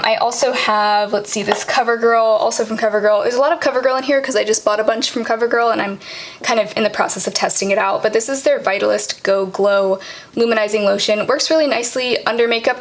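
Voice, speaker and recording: A young woman vlogger casually walking through her makeup products, chatty and quick, with lots of "um" and "like". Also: a little high, steady tone. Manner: fast, chatty, many fillers like "um" and "like". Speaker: beauty vlogger.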